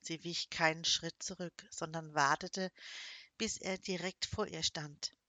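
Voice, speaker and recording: A woman reading a novel aloud as audiobook narrator, in measured, even storytelling. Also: low-pitched, no room sound. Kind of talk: scripted narration.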